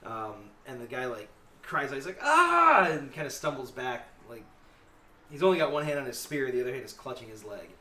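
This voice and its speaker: A man's voice: mid-range voice, fairly quick, a bit bright. A man running a tabletop game as game master, narrating loosely with laughs and hesitant fillers, recorded in an echoey room from a distant mic with faint hiss.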